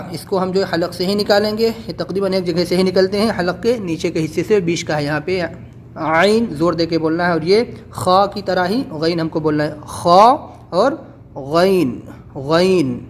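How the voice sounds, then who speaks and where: A man's voice: high-pitched, a little hiss or hum. A male teacher giving a patient, explanatory lesson on reading Quranic letters, repeating and drilling each sound.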